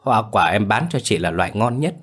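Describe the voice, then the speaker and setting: A man's voice: on the low side, expressive, a little fast, a bit bright, breathy edge. A man voicing a middle-aged woman fruit seller, surprised and insistent. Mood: surprised insisting.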